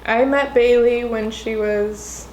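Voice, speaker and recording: A woman's voice: fairly high pitch, fairly even intonation, slow pace, darkish tone. A young American woman vlogger chatting casually to camera while eating, with bubbly, slangy speech. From Orange County, California, USA. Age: young adult. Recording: roomy echo, clear background noise.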